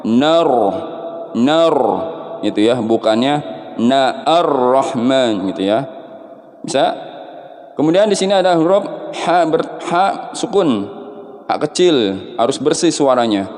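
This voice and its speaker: A man teaching Quran recitation rules, explaining patiently and chanting drawn-out example verses. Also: mid-range voice, expressive, darkish tone, in a large hall. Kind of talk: tajwid lesson with chanted recitation.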